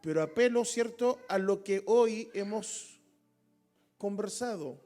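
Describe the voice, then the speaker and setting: A man's voice: sits high, slow, mellow, faint music behind. A man with a Chilean Spanish accent teaching a Bible study, emphatic and rising to impassioned calls.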